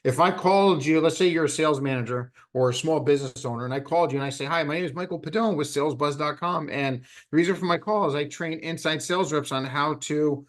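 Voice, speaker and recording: A middle-aged man leading a live sales training session, talking in an animated way and acting out both sides of phone calls. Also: a little high, quick pace, hardly any pauses.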